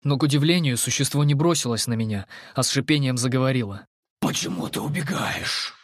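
A man reading first-person fantasy audiobook narration in a steady, measured way. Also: medium pitch, no echo, studio quality.

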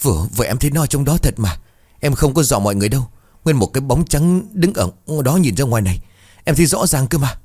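A man's voice: medium pitch, animated, fast talker, a little mellow, slightly rough, voice pushed up. A man voicing a frightened middle-aged village husband who stammers in panic, in a spoken ghost story.

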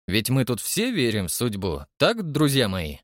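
A man's voice: mid-range voice, wildly swooping pitch, normal speed, no echo, studio quality. A man voicing a stocky retired military man who speaks in a matter-of-fact, persuasive way. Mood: resigned.

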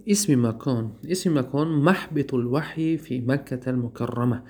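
A man with a Tajik accent teaching a grammar lesson. He drawls out word forms, asks questions and answers them himself, and pauses on fillers. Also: mid-range voice, warm tone, breathy edge, soft background music. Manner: drawls out word forms, repeats them slowly, then translates. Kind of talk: classroom lesson.

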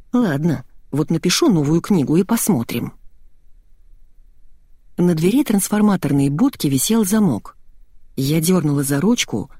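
Husky-voiced woman reading a novel aloud. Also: on the low side, dry recording, studio quality. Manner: lively, expressive storytelling. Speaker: audiobook narrator. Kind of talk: first-person novel reading.

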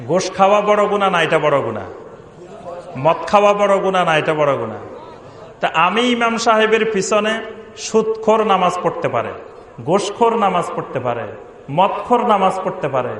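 A male preacher with a notably high voice answers a congregation's question in sermon form. He hammers his point with one rhetorical question after another. His voice rings out across a large, echoing hall with a long reverb tail. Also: fairly bright tone, slight background noise. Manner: argues through repeated rhetorical questions. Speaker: imam and Islamic preacher.

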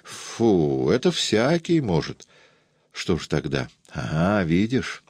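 A man's voice: deep voice, huge pitch swings, slow, no room sound, studio quality, heavily acted. A man voicing a kindly, fussy older aunt who chatters in a confiding way. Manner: warm confiding chatter, raised voice.

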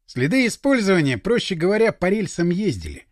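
A man reading a first-person novel aloud as an expressive audiobook narrator, close to the microphone. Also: high voice, fairly quick, dry recording. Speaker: audiobook reader.

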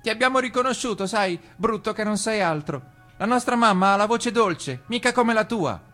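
A man voicing a chorus of frightened young male goat kids in a piercing high squeal, shrill and frantic. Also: animated, normal speed, pushed and bright, soft background music. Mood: shrill, alarmed.

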